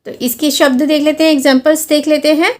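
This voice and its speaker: Woman, language teacher, high pitch, patient step-by-step explanation, stretched-out example words. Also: little pitch movement. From India. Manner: slow, careful explanations, drawing out sample words to show long and short vowels. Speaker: Hindi teacher. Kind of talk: classroom-style lesson explaining vowel signs.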